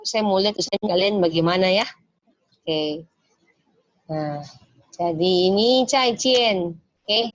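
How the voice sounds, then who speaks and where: A woman gives an online language lesson over a video call. She explains patiently, step by step, and says example words slowly so her students can repeat them. The audio is dry and slightly dull, like a lo-fi call. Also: medium pitch, no echo. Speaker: Mandarin teacher.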